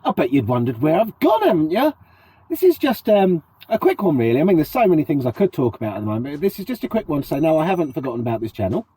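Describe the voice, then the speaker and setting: In a low-quality recording, a sniffly, cold-stricken middle-aged British man chats to his vlog viewers and quizzes them. He talks fast in a sing-song British accent, his voice a little high, mellow and husky.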